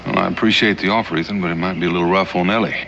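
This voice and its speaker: A steady, principled frontier leader from a 1960s TV western, heard on a muffled, noisy soundtrack. The man's voice is low, and he speaks in a folksy, plain cowboy manner. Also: racing, creaky. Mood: matter-of-fact. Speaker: actor in a television western.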